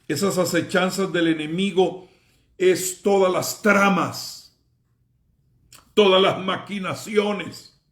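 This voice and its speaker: A man preaches at a slow, weighty pace, his voice sitting a little high. He swings between loud, emphatic peaks and low, dropped phrases. The sound rings in an echoey room. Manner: emphatic preaching, rising and falling in pitch and volume. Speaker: pastor. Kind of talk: sermon.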